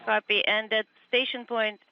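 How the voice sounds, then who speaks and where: A woman's voice: on the high side, level tone, normal speed. A woman interpreting flight-control calls into English over a space radio transmission, in clipped procedural phrasing. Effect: radio transmission over a space-to-ground loop. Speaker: interpreter on the mission radio loop. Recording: dull muffled radio feed with faint hiss.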